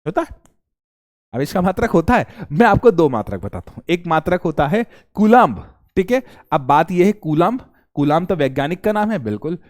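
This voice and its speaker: A young man teaching a physics lesson in a lively, playful way, joking and repeating questions for his students, recorded in a studio. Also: on the high side, a little fast. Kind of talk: energetic classroom lecture.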